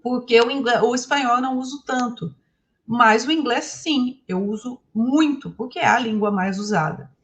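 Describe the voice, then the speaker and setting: A woman from Brazil whose first language is Portuguese, giving a lively talk as an English teacher and asking her audience questions. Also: fairly high pitch, moderate pace. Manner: animated, asks the audience questions.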